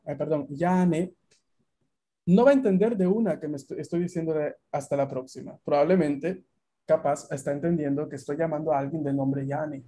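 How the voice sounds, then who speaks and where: A man's voice: on the high side, mellow. Spanish-speaking man teaching an online class. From Latin America. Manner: explanatory, frequent checks with students. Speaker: language teacher.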